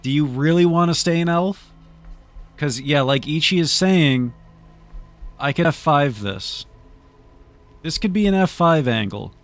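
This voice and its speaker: Male game streamer, casual and playfully theatrical, slow delivery, soft music in the background. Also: fairly high pitch, lively intonation. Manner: playful, theatrical deliberation addressed to chat. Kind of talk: casual live gameplay commentary.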